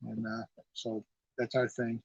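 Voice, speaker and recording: With a fairly low, creaky and slightly rough voice, a middle-aged garage owner and car club president talks in a monotone at a measured pace. The casual, folksy outdoor interview at an evening car show is a dry recording with dull lo-fi live stream sound.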